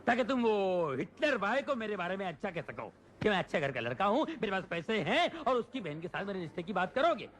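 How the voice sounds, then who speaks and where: An actor playing an excitable, lovesick young man who shouts and rants with comic overacting in a film scene. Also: sits high, a little hiss or hum. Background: film score music.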